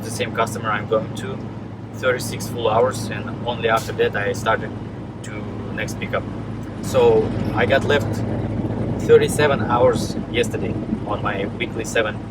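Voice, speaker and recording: In loud surroundings of engines and open air, a Kazakh trucker vlogs casually from a truck yard and his cab. His voice is lowish and Russian-accented, and he speaks haltingly, reaching for words in a second language.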